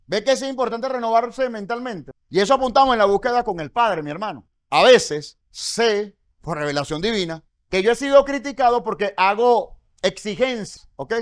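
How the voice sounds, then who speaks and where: A man's voice: high-pitched, no room sound, studio quality. A Venezuelan man teaching a Bible study sermon, speaking conversationally and encouraging his listeners with many rhetorical questions. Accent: Venezuelan Spanish. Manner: exhorting, encouraging. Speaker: congregation teacher.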